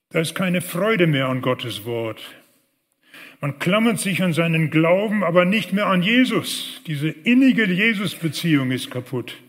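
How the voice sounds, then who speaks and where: A man preaching a sermon, earnest, rising loud on key phrases and dropping soft and low on prayers. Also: big-room sound.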